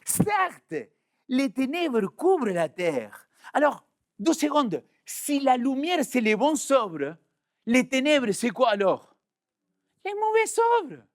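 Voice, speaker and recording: A man, a pastor, preaching a sermon to his congregation, animated and direct, with sudden jumps in pitch for emphasis. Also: slow. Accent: French-speaking Swiss.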